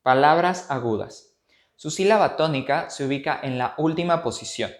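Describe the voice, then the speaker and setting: A man's voice: a little high, moderate pace, echoey room. A man, a teacher giving a scripted grammar lesson and drawing example words out carefully.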